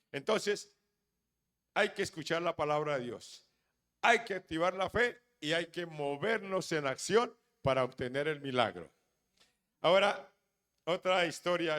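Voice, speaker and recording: Guy preaching, bright high-ish voice, does little voices for the bible people, loud then quiet. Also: big-room sound. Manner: dramatic, acts out voices of people in the stories; swings between loud exclamations and hushed asides. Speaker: pastor. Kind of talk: sermon.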